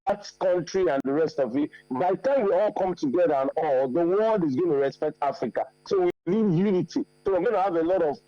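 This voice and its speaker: A man's voice: high voice, a little fast, hardly any pauses, no room sound, lo-fi sound. A man answering questions as a guest on a TV news interview, emphatic, repeating key points with many fillers. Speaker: forum organizer guest.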